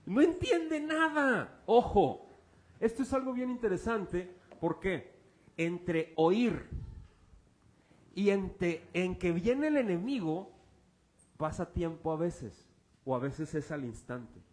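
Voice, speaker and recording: A man preaches at a slow pace with a high, expressive voice, a dark tone, and frequent pauses. He's an informal, joking pastor who quizzes the congregation with fill-in-the-blank questions and brings in objects to illustrate.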